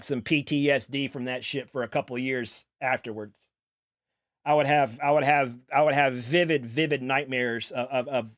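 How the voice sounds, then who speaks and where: A man's voice: mid-range voice, fairly bright tone, dry recording, studio quality. A young man telling a story while streaming, rambling, repeating words and swearing casually. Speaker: game streamer.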